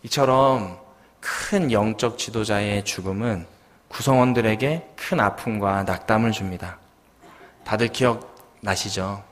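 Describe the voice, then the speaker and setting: A man's voice: on the low side, measured pace. A man in his thirties, a junior pastor preaching a sermon, telling a story and asking the congregation questions. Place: church sanctuary. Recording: long church hall reverb.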